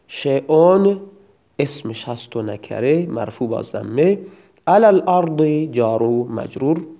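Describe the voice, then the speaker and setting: A man's voice: mid-range voice, dark tone. A man teaching a recorded grammar lesson, explaining each word in turn and sometimes reciting verse in a chanting lilt.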